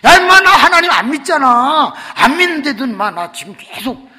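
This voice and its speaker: A male preacher voicing a loud, brash male friend who teases and scolds in rough slang. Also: fairly high pitch, expressive, measured pace, heavily acted. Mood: taunting. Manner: teasing, shouting, calls him 'inma'. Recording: long church reverb.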